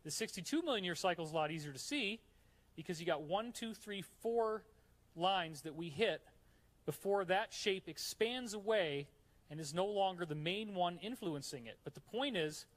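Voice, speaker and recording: The conference speaker, a New York man, talks in a high-pitched, animated voice at a moderate pace. He gives an eager live lecture with slides in a hot room and chats with the audience between points.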